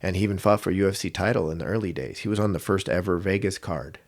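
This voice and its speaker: A man with a very low, deep voice tells a story as a guest on a podcast. He is a middle-aged coach from Washington state. He slips into other people's lines with sudden jumps in pitch. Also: fast. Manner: animated storyteller, acts out quotes with big pitch jumps. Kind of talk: casual storytelling interview.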